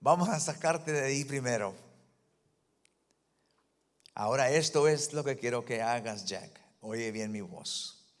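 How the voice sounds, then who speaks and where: A man voicing God as a calm, slow, reassuring voice from above. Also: medium pitch, pitched below the performer's own voice, lightly acted. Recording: long hall reverb.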